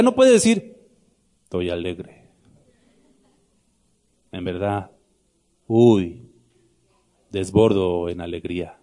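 Pastor, man, somewhat high-pitched, lively sermon delivery full of questions to the flock. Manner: animated preaching, asks the congregation questions, shouts the blind man's cry high.

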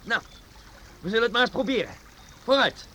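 Very high, youthful voice of a bold boy adventurer in a radio play. He is eager and stammers when strained. Rushing water makes the recording clearly noisy. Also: lively intonation, bright, forceful tone, heavily acted. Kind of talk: Dutch audio drama acting.

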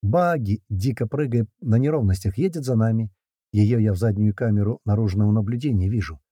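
A man reading an action story aloud in the first person, with brisk, slangy narration and shouted lines for the characters. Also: lowish voice, slightly rough, dry recording. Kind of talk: audiobook narration with character voices.

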